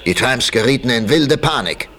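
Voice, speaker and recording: Male narrator, expressive mid voice, classic radio-play style. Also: mid-range voice, heavy background noise. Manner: measured, storytelling.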